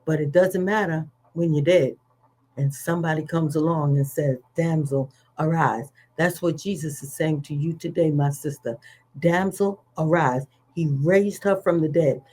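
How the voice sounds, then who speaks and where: A woman's voice: low voice, steady tone, normal speed, a little mellow. A woman preaching a sermon to women, with an emphatic, repetitive preaching cadence.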